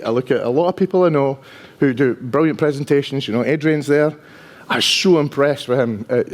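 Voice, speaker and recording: A man's voice: mid-range voice, a little mellow. A man in his fifties from Dundee with a strong Dundonian Scottish accent, giving an informal, chatty, self-deprecating conference presentation. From Dundee, Scotland. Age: 50s. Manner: chatty, self-deprecating, often tags sentences with "right?". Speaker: conference speaker, IT engineer.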